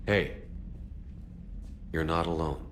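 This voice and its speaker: An actor playing a calm, firm, reassuring male military commander in a sci-fi video game. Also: a bass voice, slow, a little hiss or hum, exaggerated voice. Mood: warm, reassuring. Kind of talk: video game cutscene acting.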